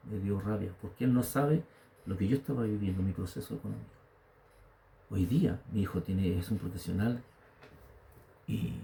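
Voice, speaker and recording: Chilean male pastor, fifties, dark mellow tone; testimony-driven sermon that builds to emphatic calls. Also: on the low side, gravelly, a little hiss or hum. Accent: Chilean Spanish. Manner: storytelling preacher, rising to emphatic exhortation.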